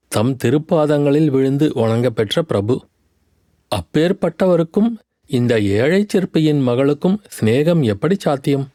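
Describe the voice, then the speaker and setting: A proud young dancer woman who answers with reproach, hurt and bitter, read by a male narrator. The voice is mellow and dark, recorded close and dry. It is an audiobook tale. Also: medium pitch, no room sound, lightly acted. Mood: cold, resentful. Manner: reproachful, speaks through a pet deer.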